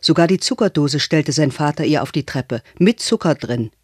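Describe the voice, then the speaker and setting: A man calmly reading a novel aloud as narrator, in a measured way. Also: on the high side, slightly rough, no room sound, clean studio sound. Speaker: audiobook reader.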